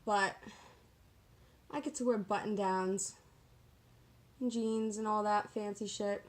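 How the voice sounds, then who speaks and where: A woman's voice: mid-range voice, steady tone, takes it slowly. A woman giving a casual, chatty get-ready-with-me makeup tutorial, talking in a sassy, slangy, self-deprecating way. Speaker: makeup vlogger.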